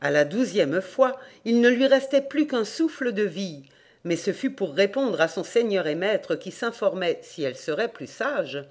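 A man narrating folk legends for a volunteer audiobook, measured and steady. His storytelling moves at an even, unhurried clip, clear and plain, close to a home microphone. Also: high-pitched. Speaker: audiobook reader. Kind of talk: scripted narration of folk tales. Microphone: home recording mic.

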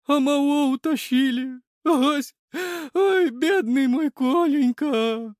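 A shrill, squealing village aunt with a theatrical streak in an audiobook. The voice is pushed very high and moves widely. It is dry and close. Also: male voice, animated, a little slow, pushed and bright, no room sound, exaggerated voice. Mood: wailing.

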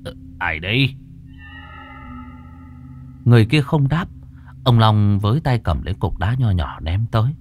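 Lively low-voiced male ghost storyteller. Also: soft background music. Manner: measured, dramatic storytelling.

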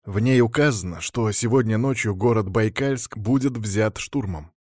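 A man's voice: fairly low pitch, normal speed, darkish tone, no room sound, clean studio sound, lightly acted. A man reading an audiobook voices a staff duty officer giving a formal report. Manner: formal, respectful.

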